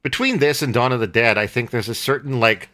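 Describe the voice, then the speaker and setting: A man's voice: medium pitch, a little fast, crowd noise. A young adult man co-hosting a podcast, talking casually about a film and often stopping to search for words with fillers and restarts. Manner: rambling, hesitant with many fillers and restarts. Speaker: podcast co-host.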